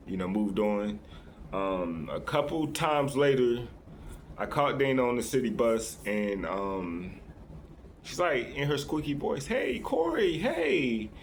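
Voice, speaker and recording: A man's voice: on the low side, slight background noise. A man talking straight to his viewers in a loose, unscripted monologue, earnest and confiding, often restarting and tagging "right?" onto his sentences. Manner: rambling, many restarts and "right?" tags. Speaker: vlogger addressing his viewers.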